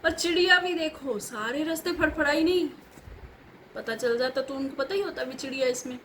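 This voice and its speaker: A woman telling a devotional story as a sermon, in a lively way, acting out the dialogue. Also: high-pitched, moderate pace, a little hiss or hum, poor audio.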